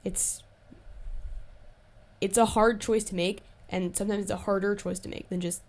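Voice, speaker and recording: A woman's voice: mid-range voice, fairly even intonation, a little mellow. Chatty young woman telling a story. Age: young adult. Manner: chatty, heavy use of "like" fillers, quick asides and self-corrections. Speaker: podcast host. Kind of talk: casual solo storytime chat.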